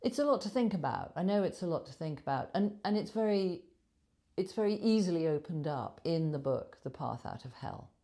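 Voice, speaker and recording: A woman's voice: lowish voice, animated, fairly quick, warm tone. A woman author giving an earnest spoken lesson on emotions, emphatic and full of vivid images, recorded on a clip-on lapel mic. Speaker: author and shame teacher.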